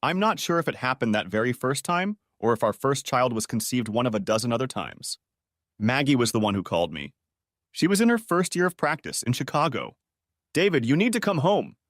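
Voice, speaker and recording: A man reading a first-person story aloud in an earnest, steady voice. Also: medium pitch, fairly quick, no room sound, clean studio sound. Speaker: narrator. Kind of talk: first-person audiobook narration.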